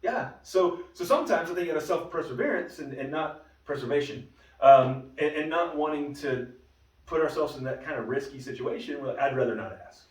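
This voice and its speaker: A pastor leads a casual Bible study in a church meeting room, telling stories conversationally and often restarting his sentences. His voice is fairly high, animated, and fairly quick. The room is roomy and the mic sits at a distance.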